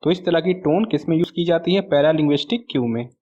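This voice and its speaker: A male exam tutor working through answers. He asks a question and answers it himself, mixes in English terms, and reads the English question text slowly. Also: a little high, warm tone. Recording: dull lo-fi audio.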